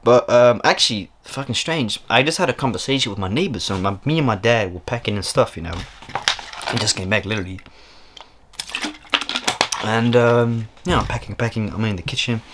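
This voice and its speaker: A young man with as his mother tongue chats in a loose, rambling podcast style. His voice swings up and down a lot, and he swears freely. He sounds relaxed and unscripted as he talks from a room indoors. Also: fairly low pitch, noisy background. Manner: rambling, swearing, laid-back. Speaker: podcast host. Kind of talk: casual chat. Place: indoor room, window open.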